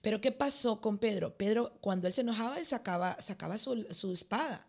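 A woman pastor tells her testimony in a lively way, acting out the dialogue. Her voice has a gravelly, creaky texture. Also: medium pitch, a little fast. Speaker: pastor and prophet. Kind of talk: testimony in a faith talk.

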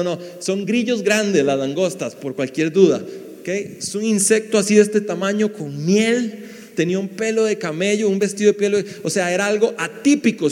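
A male pastor preaching a sermon, lively and conversational, putting questions to the audience. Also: sits high, big-room sound.

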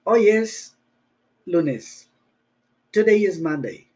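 A man whose first language is Spanish teaches English in a slow, careful bilingual lesson. His voice sits somewhat high for a man, and he talks at a deliberate pace. He repeats each phrase patiently and spells words out letter by letter. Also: animated, dark tone.

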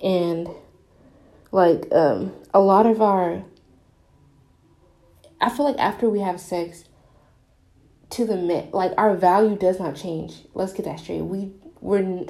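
Her voice is mellow and sits on the low side. This young adult podcast host rambles through a sincere, casual confession while in the bathtub of a small bathroom that echoes around her.

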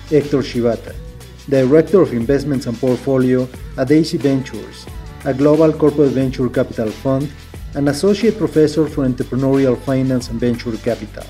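Man hosting a podcast in a dark mellow voice. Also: medium pitch. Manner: formal, measured delivery. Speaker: podcast host. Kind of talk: podcast intro and interview.

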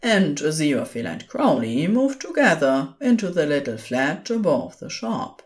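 Telling a scripted audio story, this woman uses a deep voice. She narrates in an expressive yet measured way.

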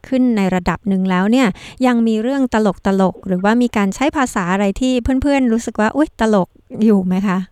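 A woman's voice: on the high side, a little fast, few pauses, darkish tone, smooth, dry recording, studio quality. A woman hosting a conversational interview, asking long questions politely. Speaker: interviewer, host.

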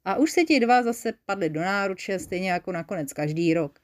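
A woman narrating a children's story in a lively, playful way. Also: medium pitch.

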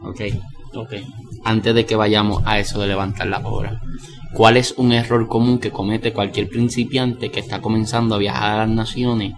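A man hosting a podcast, asking eager, quick follow-up questions in a casual way. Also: lowish voice, little pitch movement. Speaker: podcast host.

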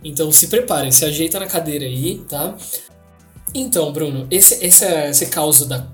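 A young man with a Brazilian Portuguese accent hosting a podcast, telling a story in casual slang with dramatic pauses. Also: a little high. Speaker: podcast host. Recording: echoey room with faint music.

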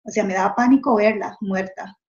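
In muffled, lo-fi audio, a middle-aged woman sincerely tells her own story as a testimony, tagging questions onto many phrases. Her voice is medium-pitched and somewhat dark, and she speaks fairly quickly.

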